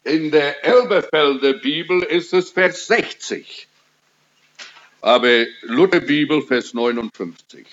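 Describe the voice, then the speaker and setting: A man preaching a sermon and leading prayer, slow and emphatic, drawing out his words. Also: on the high side, a bit bright. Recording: dull lo-fi recording.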